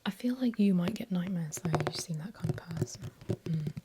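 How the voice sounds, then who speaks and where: A woman in a whispered role-play as a sassy librarian, speaking in a breathy library whisper. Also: lowish voice, brisk, heavy background noise. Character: sassy female librarian pushing books on a visitor.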